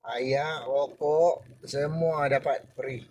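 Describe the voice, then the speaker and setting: A man's voice: mid-range voice, steady tone, drawn-out words, a little mellow, slight background noise. An older man with a Malaysian Malay accent, a former deckhand telling a story in a casual, chatty way, speaking to the listener as to a younger person and acting out what others said.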